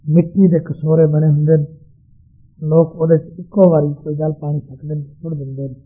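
A man preaching a sermon, explaining scripture verses to a congregation in a slow, measured teaching manner. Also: on the high side, flat delivery, breathy edge. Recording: tinny, phone-like sound.

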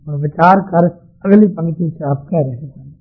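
Male preacher, high voice, slow measured sermon, tinny phone-like recording. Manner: slow, measured teaching, addresses the congregation. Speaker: Sikh preacher giving scripture explanation. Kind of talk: sermon explaining scripture verses.

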